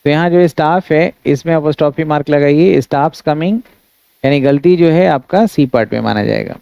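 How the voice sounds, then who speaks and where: A male grammar teacher giving an exam-prep lesson, reading English sentences out slowly and explaining each one in a steady, instructive way. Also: on the high side, creaky, clean tone, no room sound, muffled recording. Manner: addresses students as friends, steady instructive delivery.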